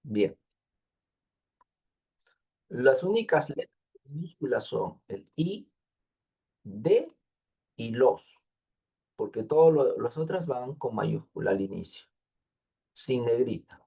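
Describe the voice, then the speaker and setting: Gravelly, mellow teacher. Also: male voice, mid-range voice, big pitch swings, takes it slowly, pauses often. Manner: patient, repeats details, thinks aloud with fillers. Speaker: thesis advisor. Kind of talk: online class instruction.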